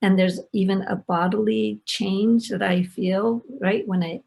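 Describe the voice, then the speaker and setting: Gravelly, husky woman panelist. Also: mid-range voice, fairly even intonation, measured pace, a little mellow. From Los Angeles, United States. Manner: reflective, repeats words, asks rhetorical "right?". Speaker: panelist, former professor. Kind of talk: panel discussion. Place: home, remote video call.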